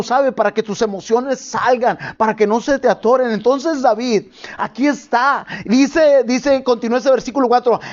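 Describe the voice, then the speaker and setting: A man's voice: extremely high pitch, highs cut off. A pastor preaching a sermon to his congregation, asking them questions as he goes.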